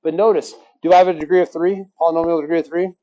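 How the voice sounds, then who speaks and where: A man's voice: on the high side, steady tone, very fast, warm tone, lo-fi sound. A male math teacher giving a recorded lesson, quizzing the class with rhetorical questions and joking along the way.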